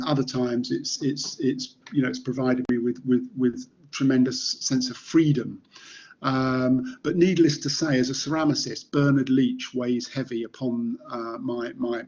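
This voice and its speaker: A middle-aged man from Kent in England with a light Estuary English accent, giving an informal artist talk as a ceramicist in a halting, reflective manner. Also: mid-range voice, muffled recording. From Maidstone, Kent, England. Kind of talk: informal slide presentation.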